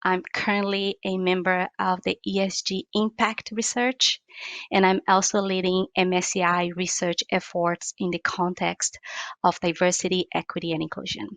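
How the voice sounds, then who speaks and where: A woman from Brazil introducing herself on a panel in an earnest, measured way over a video call. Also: fairly low pitch, little pitch movement, fairly bright tone, no room sound. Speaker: panelist, ESG researcher.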